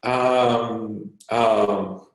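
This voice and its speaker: The man here, a Peruvian startup co-founder in his thirties, has a steady voice on the low side. Answering online interview questions from a very echoey room, he stumbles along with plenty of fillers and restarts.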